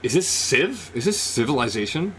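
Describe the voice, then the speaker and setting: Young guy streamer reacting live, super animated voice, gets loud n excitable, faint noise behind. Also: mid-range voice, moderate pace. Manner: excitable, shouts reactions, rambling commentary.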